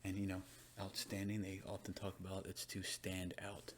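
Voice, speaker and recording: A man doing a soft-spoken, ASMR role-play as a librarian, chatting about books in a rambling, informal ASMR style. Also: low-pitched, monotone, normal speed, a little hiss or hum. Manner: rambling, informal, conversational book commentary. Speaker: ASMR performer playing a librarian.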